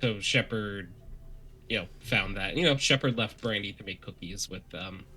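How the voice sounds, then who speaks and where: Bright-voiced man recapping a game. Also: lowish voice, moderate pace, breathy edge. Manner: rambling, many fillers, laughs easily. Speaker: tabletop game player giving a recap. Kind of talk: casual recap of a tabletop game.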